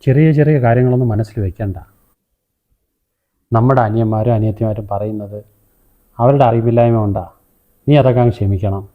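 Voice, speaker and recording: A man playing a calm, reassuring son. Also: fairly low pitch, brisk, long pauses, natural voice. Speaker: son and husband. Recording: tinny, phone-like sound, from a distance.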